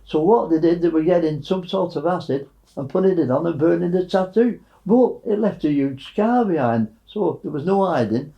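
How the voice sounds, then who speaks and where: A man in his nineties, a war veteran recounting wartime memories in a halting way, with many fillers. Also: on the high side, animated, gravelly, highs cut off. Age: 90s.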